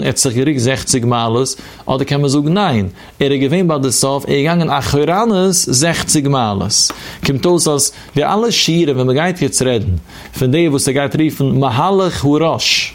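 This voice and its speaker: A man gives a religious text lecture in a sing-song teaching voice that sits a little above the usual male pitch. He steps through each point, poses questions and answers them himself, and says the key figures again and again as he goes.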